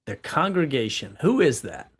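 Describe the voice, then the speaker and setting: A man leading an animated Bible study discussion, asking rhetorical questions and exclaiming often. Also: medium pitch, moderate pace, husky. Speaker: livestream Bible teacher.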